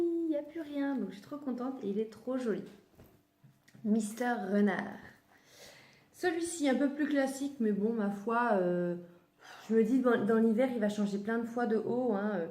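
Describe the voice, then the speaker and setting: A woman's voice: fairly high pitch, a little mellow. A woman chatting casually through a clothing haul, often stopping to correct herself mid-sentence. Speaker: vlogger showing children's clothes. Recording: echoey room.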